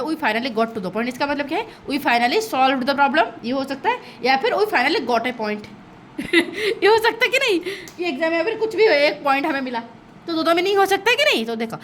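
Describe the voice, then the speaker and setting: A woman's voice: high voice, a little hiss or hum. A woman teacher explaining a lesson to her students, keeps checking "okay?", and laughs at her own slips. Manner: lively, checks understanding with constant "okay?" asides. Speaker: school English teacher. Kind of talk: online class explanation in mixed Hindi and English.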